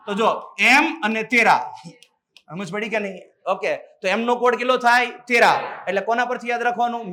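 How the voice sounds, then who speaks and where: With a voice that sits high, a male teacher gives an animated classroom lecture, often calling out to students and drilling them through call-and-response questions.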